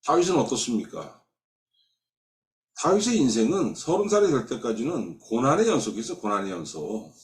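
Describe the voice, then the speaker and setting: A man's voice: mid-range voice, sing-song, brisk. Emphatic male pastor in a roomy church. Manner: emphatic preaching with dramatic quoted voices and sudden drops to soft. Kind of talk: sermon. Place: church sanctuary. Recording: roomy church sanctuary sound.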